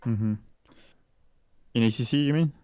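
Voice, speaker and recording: A man's voice: medium pitch, measured pace, warm tone, clear, resonant tone, dry recording, clean studio sound. A man chatting on a call about a race, casual, filler-heavy, laughing and swearing easily. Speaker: fellow sim racer.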